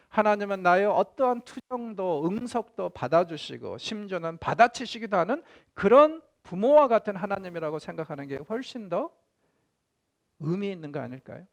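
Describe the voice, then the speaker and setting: Lively, animated male theology lecturer. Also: sits high, no echo. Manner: animated, conversational, acts out quotes. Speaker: professor.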